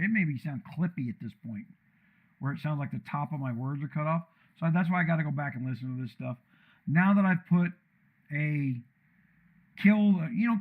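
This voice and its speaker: A man live-streams while tuning his microphone, ranting casually in a blunt, loud, rambling way. His voice is deep and commanding, and the audio sounds phone-quality, recorded in an untreated room with a computer fan running.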